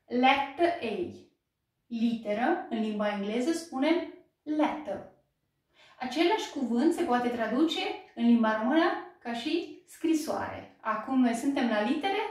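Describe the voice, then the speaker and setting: A woman with a Romanian accent, teaching slowly and patiently, praising each repetition in a drill. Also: a little high, a little mellow. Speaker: English teacher. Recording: very echoey room, voice from a distance.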